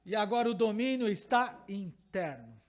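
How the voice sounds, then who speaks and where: High-voiced Brazilian pastor teaching. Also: male voice, sing-song, normal speed. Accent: Brazilian Portuguese. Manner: emphatic, repeats key phrases, asks the congregation questions. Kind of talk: teaching sermon.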